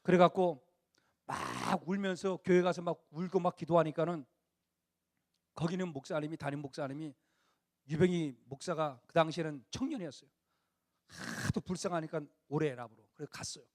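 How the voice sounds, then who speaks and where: A middle-aged man with a high-pitched voice preaching to young adults. He shifts between a chatty, storytelling tone and rising, forceful emphasis. He sometimes acts out the lines of the people in his stories. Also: a little fast. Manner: animated preaching, rising to near-shouts at emphasis; acts out quoted dialogue in a conversational tone. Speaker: pastor. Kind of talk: sermon.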